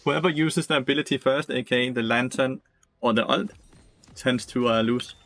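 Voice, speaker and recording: A man's voice: medium pitch, normal speed, fairly bright tone. A young man streaming a game, giving blunt, profane commentary, laughing and answering chat. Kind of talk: casual gameplay commentary.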